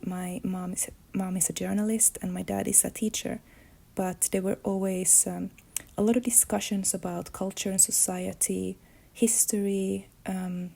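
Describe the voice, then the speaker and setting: Reflecting on her life, a Swedish-speaking woman from Finland who works as an illustrator and comics artist talks in a gravelly, steady, mid-range voice. She comes across as thoughtful, occasionally groping for the right word.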